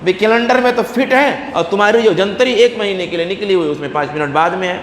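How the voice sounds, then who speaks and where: A man giving an after-prayer lesson in a mosque, reciting Arabic passages and translating them as he explains. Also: high-pitched. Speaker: mosque preacher. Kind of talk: sermon. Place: mosque hall. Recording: echoey mosque hall, faint background hum.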